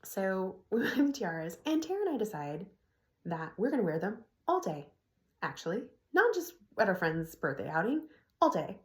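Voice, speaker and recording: A woman's voice: mid-range voice, very animated, moderate pace, echoey room. A middle-aged woman casually telling a personal story to her phone camera, laughing often as she talks. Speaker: vlogger. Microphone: phone propped on an ironing board.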